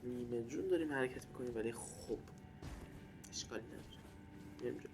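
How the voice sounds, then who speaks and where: A man's voice: medium pitch, background noise. A man giving casual, informal running commentary on a game, talking to himself and to his viewers. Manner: informal running self-talk, addressing viewers. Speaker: gaming video host. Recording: game music behind the voice. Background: loud game music.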